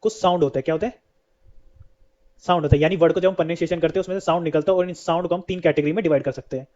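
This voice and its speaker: A man's voice: a little high, steady tone, very fast, a little mellow. A man teaching an English lesson, who keeps asking questions and then answers them himself. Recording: dull lo-fi sound.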